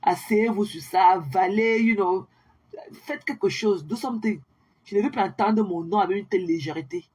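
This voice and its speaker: A young woman with a husky edge to her voice rants at her viewers in a livestream. She sounds scornful and taunting, with English phrases dropped into her talk. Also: medium pitch, moderate pace, a little mellow. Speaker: social media livestreamer. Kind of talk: ranting monologue to viewers.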